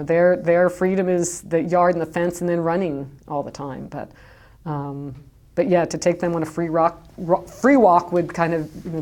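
A woman who owns a dog kennel talks casually as a guest in an interview captured on a home tape recording. Her voice sits on the low side with a darkish tone, and her speech is full of fillers and restarts.

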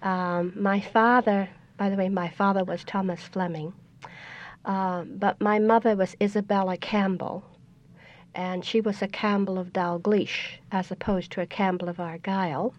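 A woman's voice: mid-range voice, steady tone. Older Scottish woman, lo-fi radio. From Scotland. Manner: measured, explanatory storytelling. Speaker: guest. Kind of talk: radio interview. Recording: dull lo-fi radio recording.

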